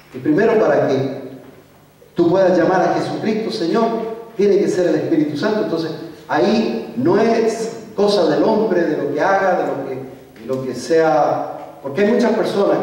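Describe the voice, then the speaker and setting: A man's voice: fairly high pitch, darkish tone. A man leading an evangelism workshop in a church, teaching conversationally and often repeating or correcting himself mid-sentence. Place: church hall. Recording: echoey church hall, mic far off.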